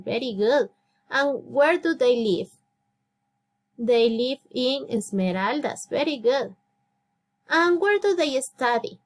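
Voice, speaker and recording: A woman in her thirties with an Ecuadorian Spanish accent, teaching a beginner English lesson. She talks patiently, repeats phrases and praises often. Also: on the high side. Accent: Spanish-speaking Ecuador. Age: 30s. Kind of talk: slow, clear classroom instruction.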